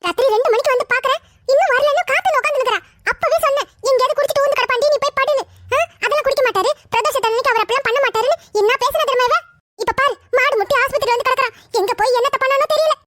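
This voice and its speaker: Woman as scolding wife, nagging, squeaky, dry close sound. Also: racing, fairly bright tone, no room sound. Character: scolding middle-aged village wife and mother.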